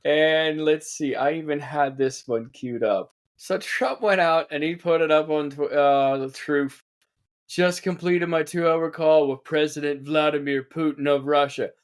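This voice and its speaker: A man's voice: on the high side, unhurried. A man co-hosting a casual satirical news podcast, sarcastic and laughing often. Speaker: podcast co-host.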